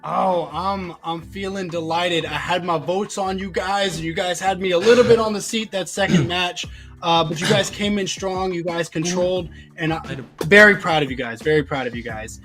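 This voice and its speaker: A man's voice: high voice, normal speed, music in the background. A man casting and interviewing players on an esports broadcast, upbeat with lots of "uh" fillers.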